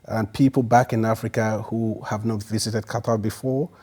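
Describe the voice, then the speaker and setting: A man's voice: lowish voice, steady tone, normal speed, darkish tone. A man hosting a podcast, upbeat and motivational as he thanks the guest and wraps up. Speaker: podcast host. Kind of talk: interview conversation.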